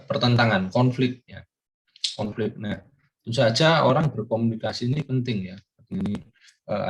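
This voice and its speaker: A man's voice: on the low side, slight background noise. An older man giving a recorded course lecture, rambling with many fillers and questions put to his students.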